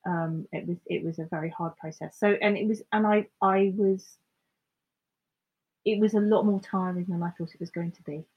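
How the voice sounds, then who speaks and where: A woman co-hosting a podcast in casual chat, speaking in a reflective, measured way and agreeing often. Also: on the low side, steady tone, breathy edge, highs cut off. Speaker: podcast co-host.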